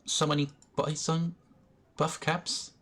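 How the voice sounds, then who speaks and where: A man giving educational commentary over a card game, thinking aloud slowly, pausing often and restarting his sentences. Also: fairly high pitch, little pitch movement, a bit bright. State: has the hiccups. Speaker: gaming video creator. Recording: faint background noise, poor recording.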